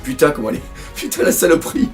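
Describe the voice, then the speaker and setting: A man from France doing live reaction commentary on a manga chapter, excitable, swearing often and reading panels aloud. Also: racing, soft background music.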